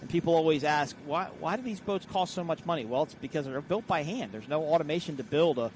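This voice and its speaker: A man's voice: fairly high pitch, lively intonation, fast. An American man giving live, explanatory sports commentary on a race. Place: live at an outdoor boat race. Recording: clear outdoor vehicle and engine noise.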